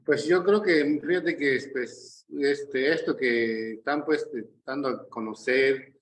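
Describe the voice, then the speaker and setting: A man's voice: medium pitch, takes it slowly, slight background noise, poor audio. A man speaking as a guest in a casual discussion, hesitant, with many fillers.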